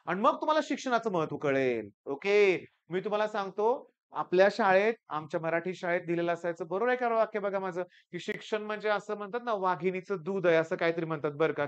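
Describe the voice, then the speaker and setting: A man from the Sangli region, an engineering maths teacher giving students an earnest, animated motivational talk. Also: sits high, brisk, clean tone, highs cut off. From Sangli region, Maharashtra.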